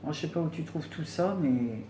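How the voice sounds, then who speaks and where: A woman's voice: sits low, normal speed, warm tone, slight background noise. A woman chatting casually at home as she unboxes gifts, effusive and exclaiming with delight. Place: home room. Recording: roomy home recording.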